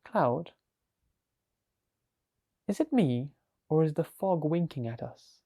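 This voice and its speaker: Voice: mid-range voice, animated, slow, warm tone. A storyteller voicing a curious young woman who asks questions on a walk.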